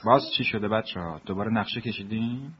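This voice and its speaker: An actor dubbing a kind, playful man who teases children warmly and laughs often. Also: on the low side, muffled recording, lightly acted. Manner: warm teasing, laughs often. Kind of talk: film dubbing.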